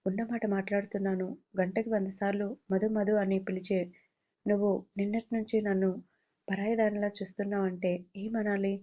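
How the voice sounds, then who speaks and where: A woman's voice: medium pitch, level tone, moderate pace, mellow, lo-fi sound, lightly acted. A woman voicing a heartbroken young woman. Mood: reproachful. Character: heartbroken young woman confronting her lover.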